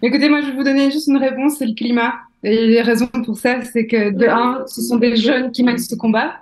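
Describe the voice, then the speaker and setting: A woman, a panel guest, builds her argument slowly with frequent fillers. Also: fairly high pitch, fairly even intonation. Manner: measured, hesitant argument with many fillers. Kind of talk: panel discussion.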